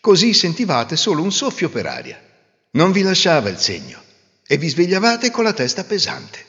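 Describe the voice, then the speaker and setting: A man's voice: high-pitched, wildly swooping pitch, normal speed, a bit bright, voice pushed up, heavily acted. Masino, a man doing a bold clever peasant. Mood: assured. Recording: roomy reverb, dull lo-fi sound.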